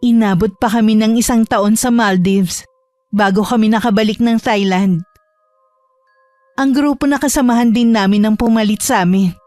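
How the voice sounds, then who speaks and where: A woman giving steady, reflective first-person narration of a horror story. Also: on the high side, moderate pace, no room sound, faint music behind.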